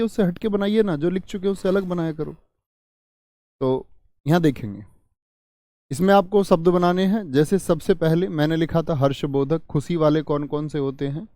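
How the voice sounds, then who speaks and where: A man's voice: on the high side, dark tone, no echo. A man teaching a Hindi grammar class online, reading viewers' comments and acting out example exclamations. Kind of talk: online exam-prep class.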